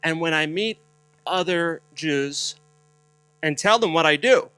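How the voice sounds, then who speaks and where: Guy from jersey telling a slow story, lots of ums, bright clear voice, dry sound. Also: fairly high pitch, no room sound, poor audio. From New Jersey. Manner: halting with many fillers, light humor, builds to rhetorical questions. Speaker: speaker leading a spiritual moment. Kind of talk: storytelling talk at a conference. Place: conference hall.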